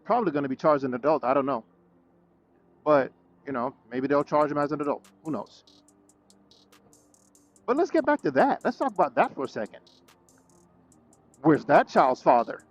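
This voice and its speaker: A man's voice: on the high side, expressive, moderate pace, pauses often, soft background music. A man venting in a vlog, indignant, repeating himself and stuttering as he rants about being shut out. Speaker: vlogger. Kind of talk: frustrated talking-head vlog rant.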